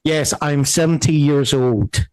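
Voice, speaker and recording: A man voicing a grumpy seventy-year-old father on the phone, speaking slowly and hesitantly with many fillers. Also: a little high, darkish tone, clear, resonant tone, no room sound, lightly acted, poor audio. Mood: grumbling. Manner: slow, hesitant, full of fillers.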